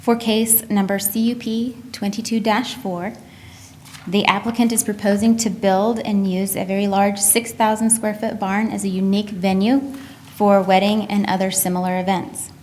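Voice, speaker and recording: Flat-toned woman reading a formal report. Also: mid-range voice, normal speed. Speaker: planning staff presenter. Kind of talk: formal read-out staff report. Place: public meeting room.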